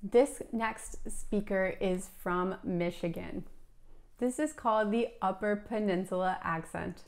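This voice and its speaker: A young woman with an American accent, explaining a scripted English lesson clearly to camera. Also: mid-range voice, takes it slowly. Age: young adult. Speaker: English teacher. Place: small furnished room indoors. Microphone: clip-on lapel mic.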